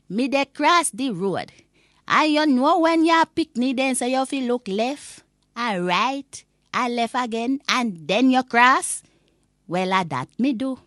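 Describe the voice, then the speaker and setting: A woman's voice: fairly high pitch, a bit bright, no room sound, clean studio sound. A woman playing a cantankerous old Jamaican granny, ranting comically in patois with indignant, emphatic scolding. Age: older. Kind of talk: comic rant monologue in patois.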